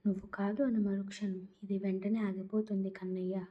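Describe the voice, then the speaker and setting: A woman's voice: mid-range voice, level tone, brisk, phone-quality sound, lightly acted. A woman voicing a drunk, lovesick young woman who pleads in a slurred, giggly way. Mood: pleading. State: tipsy.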